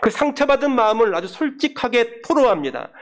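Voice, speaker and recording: A male pastor preaching a measured sermon, addressing the congregation directly and voicing quoted laments in a pleading tone. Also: extremely high pitch, sing-song.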